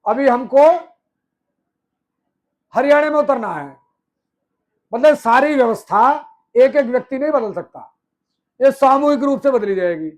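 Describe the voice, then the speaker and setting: A man's voice: extremely high pitch, lively intonation, unhurried, pauses often. A man giving a political speech to an audience, firing rhetorical questions and answering them himself, piling up repeated phrases. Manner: emphatic, repeats phrases in lists. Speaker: movement speaker.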